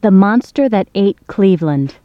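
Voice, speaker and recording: A woman playing a young friend who invites someone to a movie, in a scripted language-course dialogue, speaking clearly in a friendly way. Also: mid-range voice, lively intonation, normal speed, dry recording, narrow, tinny audio, lightly acted.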